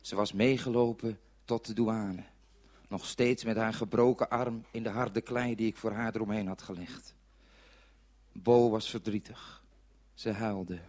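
An actor playing a clumsy, bandaged forest ranger who tells children a dramatic story, swinging from hushed murmurs to shouts. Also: male voice, lowish voice, unhurried. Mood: wistful. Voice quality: animated, sweeping from hushed to shouting. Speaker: children's TV presenter in character.

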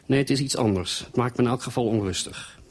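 A man's voice: medium pitch, fast talker, darkish tone, husky, lightly acted. A man reading a story, voicing a worried married woman who confides her unease. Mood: uneasy.

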